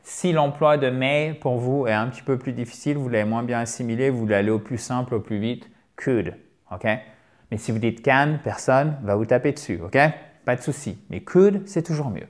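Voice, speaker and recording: A man teaching English phone phrases in a video lesson, lively, drilling the same phrases over and over slowly. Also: medium pitch.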